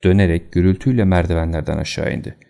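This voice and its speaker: Deep, gravelly male audiobook narrator. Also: very fast. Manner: steady, even storytelling. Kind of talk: scripted narration.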